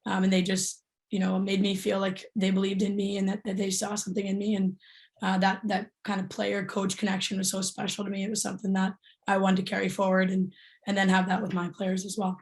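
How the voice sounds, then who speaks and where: A woman coach talks on a panel in an earnest, steady way. Her pitch stays very flat. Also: a little fast. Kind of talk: panel discussion.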